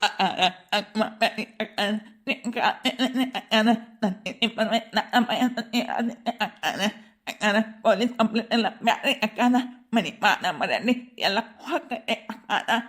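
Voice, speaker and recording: A stammering, begging village man from a comedy cartoon, voiced by a woman, in a North Karnataka accent. His voice sits high and keeps catching on broken syllables. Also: a little slow, a bit bright. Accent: North Karnataka Kannada.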